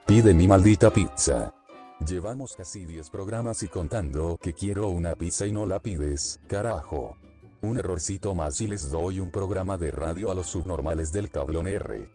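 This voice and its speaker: A man's voice: deep voice, moderate pace, mellow. A man with a bossy, scolding manner in a scripted radio bumper, with faint music behind.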